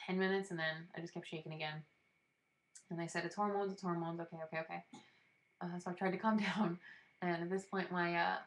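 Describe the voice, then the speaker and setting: A young woman casually telling a personal story, candid and chatty, with frequent ums and small laughs. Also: on the low side. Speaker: vlogger telling her birth story. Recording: echoey room.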